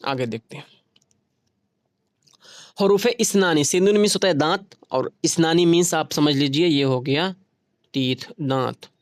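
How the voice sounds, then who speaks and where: A man with a fairly high voice teaches a grammar lesson at a very unhurried pace, sounding out each letter and repeating it so learners can follow along. The recording is dry and close, with no room sound. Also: dry recording. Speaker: Urdu teacher.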